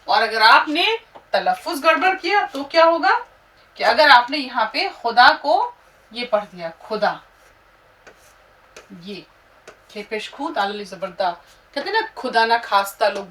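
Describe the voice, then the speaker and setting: Letter by letter, a very animated Urdu teacher patiently and slowly spells every word for her students. She sounds a little high and bright, and distant from the microphone.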